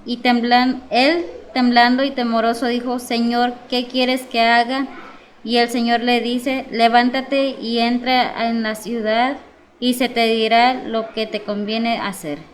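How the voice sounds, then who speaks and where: A woman's voice: on the high side, level tone, measured pace, slight background noise. A woman from the congregation reading Bible verses aloud, carefully. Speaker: church member reading scripture.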